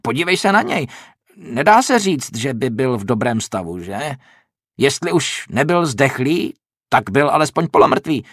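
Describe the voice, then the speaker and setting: Calm, mocking traveller, as a man reads him. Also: mid-range voice, breathy edge, no echo, studio quality. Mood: teasing. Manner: calm, soft-spoken, teasing. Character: calm, sly, mocking male traveller posing as a farmer.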